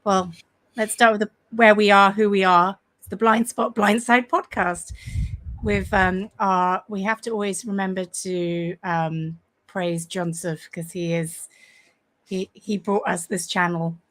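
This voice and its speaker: A woman with a croaky voice, co-hosting a casual podcast and rambling with many fillers and restarts. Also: medium pitch, fairly even intonation, unhurried, fairly bright tone. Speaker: podcast co-host. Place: home room with a fan running.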